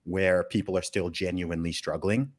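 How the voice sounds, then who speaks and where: A casual podcast is hosted by a man born in the UK and raised in Saudi Arabia, whose voice sits low at a normal speed. He talks with animated emphasis, leans on rhetorical questions, and keeps restarting phrases.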